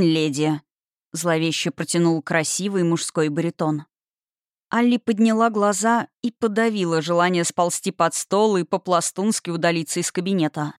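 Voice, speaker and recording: A woman narrating a romantic fantasy audiobook in an expressive storytelling manner. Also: medium pitch, no echo, clean studio sound.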